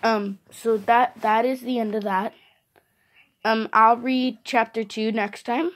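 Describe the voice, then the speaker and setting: A woman's voice: on the high side, steady tone, takes it slowly. A woman reading a picture book aloud in a plain, hesitant way with fillers. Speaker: reader.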